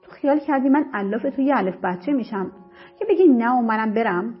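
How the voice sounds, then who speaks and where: Woman narrator doing a cold, smug, controlling rich young man in a storybook; husky, higher-pitched voice, dull-sounding recording. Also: animated. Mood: menacing. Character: arrogant domineering wealthy young man. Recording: slightly muffled with soft music.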